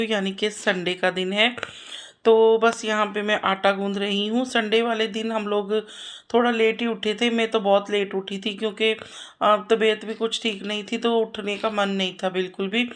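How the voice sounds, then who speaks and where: A woman in her thirties, a mother narrating her household chores in a homely, chatty voice-over, repeating herself often. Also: medium pitch. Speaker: vlogger and mother.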